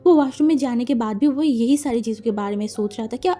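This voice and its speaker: A woman's voice: fairly high pitch, fast talker, warm tone. A woman casually narrating fan fiction, chatting with asides to the listener. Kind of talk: casual storytelling in mixed Hindi and English.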